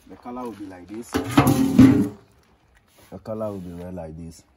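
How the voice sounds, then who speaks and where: A man's voice: low-pitched, unhurried. A man working as a local tour guide, explaining things simply and repeating himself as he shows visitors around a farm. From Ghana. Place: outdoors on a farm. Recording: outdoor background noise.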